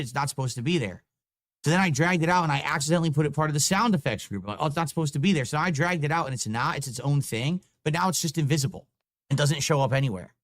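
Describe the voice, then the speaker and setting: A young male streamer with a slightly high voice talks casually to his chat. His tone turns to irritation and swearing as his stream software misbehaves. The sound is close and dry, with no room echo. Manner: frustrated, swearing while fixing stream software.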